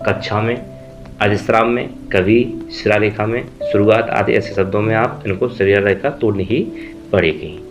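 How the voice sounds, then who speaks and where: A man teaching a Hindi spelling lesson, explaining rules step by step and spelling out letters while he writes examples. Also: on the low side. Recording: dull lo-fi audio with faint music.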